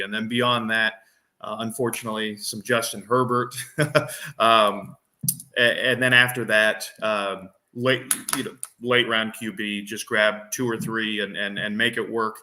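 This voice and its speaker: A man's voice: on the low side, fairly even intonation, normal speed, sharp tone. A man co-hosting a fantasy football podcast, explaining his reasoning in casual chat and thinking aloud with frequent restarts and fillers.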